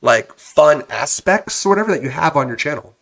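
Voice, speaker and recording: A man's voice: on the high side, animated, fairly quick, fairly bright tone. A man hosting a podcast over a video call, asking long rambling questions full of fillers. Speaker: podcast host. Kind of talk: casual podcast interview.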